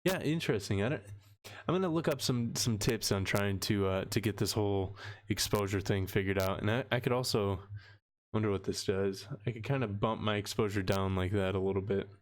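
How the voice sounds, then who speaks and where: Young male streamer, lowish voice, relaxed and rambling, quick to laugh. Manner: rambling, easygoing, laughs often. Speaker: livestream host. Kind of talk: casual livestream chat. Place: home room with shelves of books.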